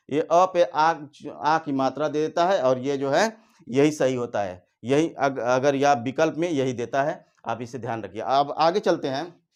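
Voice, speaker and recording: A male teacher giving an exam-prep grammar lesson at a board, repeating key definitions slowly and telling students directly what to remember. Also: mid-range voice. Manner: addresses students directly with instructions.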